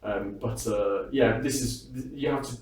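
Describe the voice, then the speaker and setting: Backstage at a music hall, a British man who sings and entertains gives a relaxed interview in a lowish, slightly mellow voice at a measured pace. His talk is chatty, self-mocking and meandering, full of hesitations, captured by a distant microphone in an echoey room.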